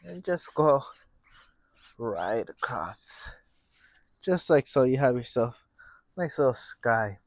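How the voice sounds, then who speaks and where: A man hosting a painting lesson, talking through each step casually in a gentle, encouraging manner. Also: medium pitch, sing-song, slow, pauses often, no room sound. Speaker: painting instructor and show host.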